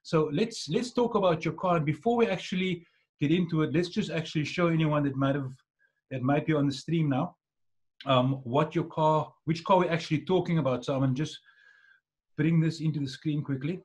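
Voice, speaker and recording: South african guy hosting a podcast, bit husky, slightly higher voice, casual chat. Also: brisk, darkish tone. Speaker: podcast host. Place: dim indoor room, video call.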